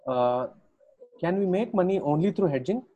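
A man's voice: high voice, expressive, normal speed. Indian-accented male interviewer, dull audio. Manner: repeats short affirmations. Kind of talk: conversational interview questioning.

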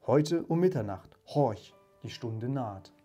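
A man's voice: medium pitch, lively intonation, takes it slowly, dark tone, faint music behind. A man reading aloud, voicing a solemn, sorrowful Christmas spirit in a raised, grave tone.

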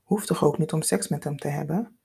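A woman's voice: low voice, a little fast, gravelly, mellow, breathy edge, full character voice. A woman reading the lines of a young woman friend who teases and encourages. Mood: teasing.

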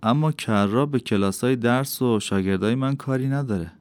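A man reading an audiobook, voicing a wise, kindly old teacher who speaks slowly and gravely. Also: mid-range voice, dry recording, lightly acted. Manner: slow, grave, warm. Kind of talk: audiobook character voice.

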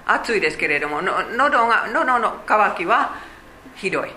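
Woman teaching bible class, chatty and thinking out loud, echoey room. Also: medium pitch, big pitch swings, normal speed, slight background noise. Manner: chatty, thinks aloud with fillers and asides. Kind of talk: explanatory Bible lesson.

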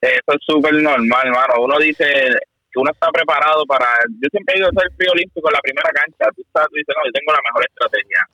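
A man in a casual chat, relaxed, acting out his own thoughts. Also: on the high side, quick pace, no room sound, low-quality recording.

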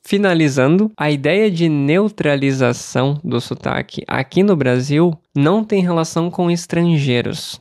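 A Brazilian man teaching Portuguese on a podcast, explaining calmly and asking and answering his own questions. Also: on the high side, creaky, no room sound, studio quality. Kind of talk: podcast lesson for learners.

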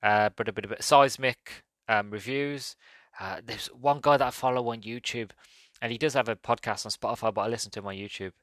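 A man's voice: mid-range voice, steady tone, a little fast, a bit bright, dry recording. A man hosting a solo podcast, talking in a rambling, upbeat way with many ums and restarts. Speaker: podcast host.

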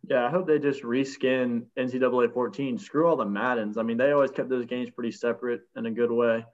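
A man's voice: mid-range voice, steady tone, brisk, highs cut off. A man hosting a sports podcast in casual chat, leading the talk and tossing questions to his guests. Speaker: podcast host.

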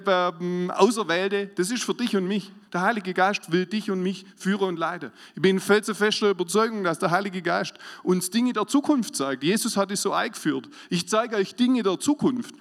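A man preaching a sermon as pastor, swinging between loud emphasis and quiet asides. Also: sits high. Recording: hall reverb.

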